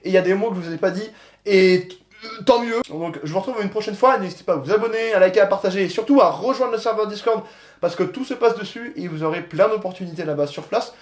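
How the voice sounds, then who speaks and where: A young man hosting a casual explainer video in a laid-back, slangy way, with many filler pauses. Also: sits high. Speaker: host of a micronation channel. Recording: echoey room with faint background music.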